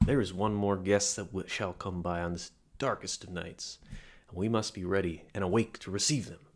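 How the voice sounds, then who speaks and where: Playing a flirty, low-voiced palm reader in an audio roleplay, a man addresses the listener in a scripted, intimate scene. He's playful and welcoming, theatrical and wheedling, slipping into soft murmurs, with fairly even intonation at a moderate pace.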